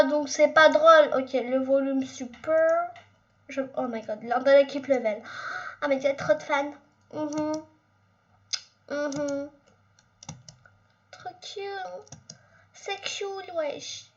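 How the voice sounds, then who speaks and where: A young woman with a high voice, talking excitedly over her gameplay as she plays. She chatters nonstop and breaks into sudden squeals. The home recording sounds a little dull, with keyboard clicks behind her. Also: slow, long pauses. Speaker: gaming YouTuber. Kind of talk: casual gameplay commentary.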